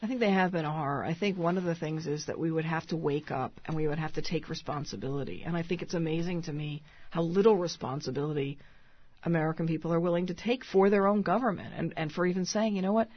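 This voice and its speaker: Husky low-voiced woman author. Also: fast talker, dry recording. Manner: thoughtful, many restarts and fillers. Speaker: author guest. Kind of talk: radio interview. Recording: dull lo-fi radio sound.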